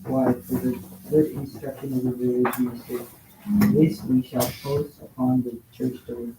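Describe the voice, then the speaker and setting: A man reading a stern judge's part aloud in a classroom, in a flat, halting read-aloud manner. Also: mid-range voice, lightly acted. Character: stern male judge pressing for a confession. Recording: echoey noisy classroom.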